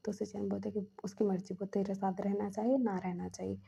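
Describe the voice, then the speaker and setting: A woman's voice: medium pitch, level tone, fairly quick, gravelly, dark tone, husky, highs cut off. Chatty woman retelling a fan story. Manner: chatty, quotes characters in her own voice.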